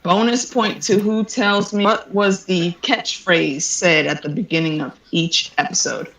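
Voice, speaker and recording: A trivia quizmaster hosting a casual online game, reading questions slowly and teasing the players. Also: medium pitch, steady tone, a bit bright, reverberant, rough recording.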